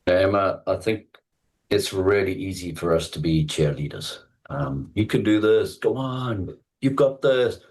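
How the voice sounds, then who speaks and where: Very deep-voiced South African man. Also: darkish tone, poor audio. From Zambia and Zimbabwe. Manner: reflective, halting with many fillers and restarts. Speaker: executive coach, podcast guest. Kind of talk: conversational interview.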